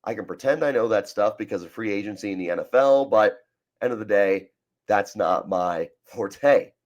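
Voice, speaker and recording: A man hosting a sports podcast, sick with a cold that leaves his voice raspy, talking in a chatty, self-deprecating, energetic way. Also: fairly low pitch, moderate pace, muffled recording. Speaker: podcast host.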